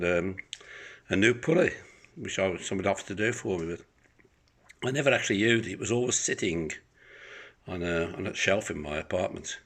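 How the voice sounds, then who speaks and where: A man's lowish, husky, slightly bright voice comes from behind a handheld phone camera as he demonstrates something for sale. He's a private seller in the living room of his home apartment, speaking casually and unscripted, with plenty of rambling and hesitation.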